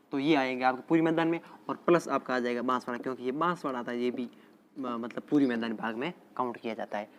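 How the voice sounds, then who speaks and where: A male teacher, dictating a geography lesson slowly and repeating place names often. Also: mid-range voice, slight background noise. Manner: slow, repetitive dictation with frequent "theek hai" check-ins. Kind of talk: exam-prep geography lesson.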